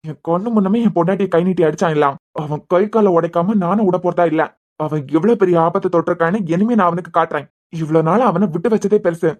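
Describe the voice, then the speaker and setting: A woman plays a brash young husband in a cartoon, lying injured but still teasing and protective. He talks fast in a lowish, Kanyakumari-accented voice, blunt and quick to tease. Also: darkish tone, natural voice. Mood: angry. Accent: Kanyakumari Tamil. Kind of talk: cartoon voice acting.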